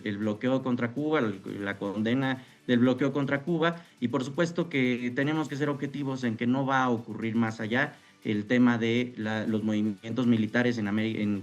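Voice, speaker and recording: A man giving live political analysis as a guest, in halting, deliberate phrases. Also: medium pitch. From Mexico. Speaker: interviewed political commentator.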